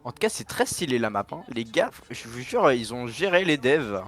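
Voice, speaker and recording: A man's voice: mid-range voice, big pitch swings, normal speed, fairly bright tone, soft background music. A young adult man, a streamer casually commenting on a game with a friend in teasing, slangy speech.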